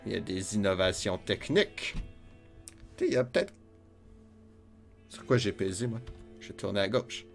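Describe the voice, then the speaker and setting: A man's voice: lowish voice, big pitch swings, normal speed, gravelly, long pauses, soft background music. A man with a Quebec French accent giving chatty, joking let's play commentary, talking to himself as he plays. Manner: joking, chatty, talks to himself while playing. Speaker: gamer.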